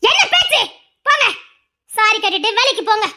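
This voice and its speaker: A woman playing a very high, sharp young wife. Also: very animated, normal speed, heavily acted. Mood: scolding. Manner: sharp, scolding, reproachful. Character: indignant young wife defending her husband. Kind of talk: audio family drama.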